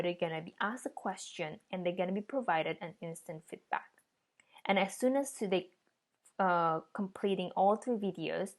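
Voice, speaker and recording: A woman with a slightly low voice presents a project. She explains it step by step, as a designer walking listeners through her work.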